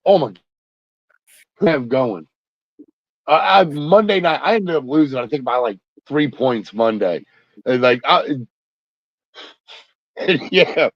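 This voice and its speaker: A man on a casual fantasy football podcast who rambles through his points with plenty of fillers and swears freely. His voice sits at an ordinary pitch. The sound is dull and muffled, with almost no room echo. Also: animated, takes it slowly, pauses often. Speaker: podcast co-host.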